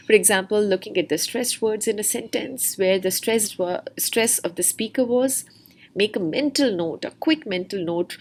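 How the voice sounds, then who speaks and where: A woman's voice: mid-range voice, darkish tone. Woman tutor explaining exam speaking tips. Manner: explains step by step, models stressed words in example sentences. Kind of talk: spoken lesson with exam tips.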